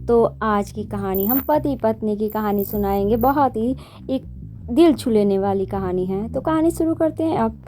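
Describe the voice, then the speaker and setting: Telling a moral story as host, this woman keeps things conversational, backing up to correct herself and start over. She speaks at a normal speed in a slightly high, warm voice.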